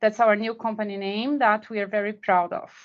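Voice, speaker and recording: A woman's voice: mid-range voice, little pitch movement, brisk. Friendly woman from Brazil introducing herself. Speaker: executive. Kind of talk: self-introduction on a video call. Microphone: video call. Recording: dull video call audio.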